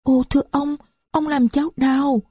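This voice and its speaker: Woman reading a small innocent girl in a storybook; high piping child voice, polite, dry close sound. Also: little pitch movement, moderate pace, warm tone, no room sound, natural voice. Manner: polite, simple answers.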